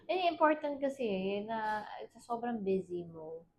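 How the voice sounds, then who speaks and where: A woman, co-hosting a podcast in relaxed casual chat with short agreeing replies. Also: fairly high pitch, a little slow. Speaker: podcast co-host.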